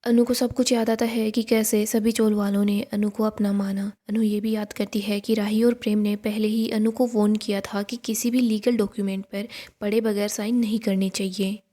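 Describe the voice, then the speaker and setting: A woman's voice: mid-range voice, flat delivery, moderate pace, hardly any pauses, warm tone. A woman narrating a TV serial episode recap in plain storytelling style, reading every character's lines herself.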